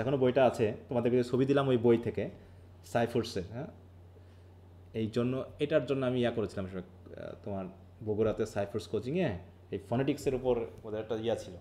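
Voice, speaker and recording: A man's voice: mid-range voice, dark tone, slight background noise. A man from Bangladesh teaches linguistics in a live online class. He explains patiently, mixes in English terms, and keeps asking his students questions.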